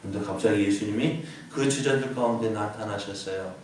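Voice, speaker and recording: A man's voice: on the low side, moderate pace, darkish tone, heavy reverb, distant mic, slight background noise, low-quality recording. A man preaching a sermon as pastor, often asking the congregation questions and answering them himself. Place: church sanctuary.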